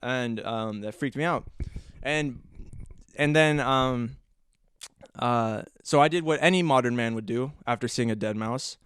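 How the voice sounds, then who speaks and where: Young male podcast host, smooth and clear, close dry sound, rambling anecdotes full of restarts. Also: mid-range voice, measured pace, no room sound. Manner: animated, acting out his own reactions. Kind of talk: casual storytelling monologue.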